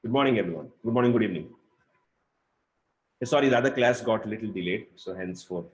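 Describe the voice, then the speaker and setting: Chatty male online instructor, lowish voice. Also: fast, rough recording. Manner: chatty, apologetic, informal. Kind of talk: live online class. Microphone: video call.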